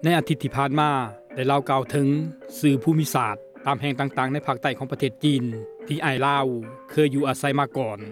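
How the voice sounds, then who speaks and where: A man with a mid-range voice makes a formal radio program announcement. Faint instrumental music plays underneath him. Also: mid-range voice.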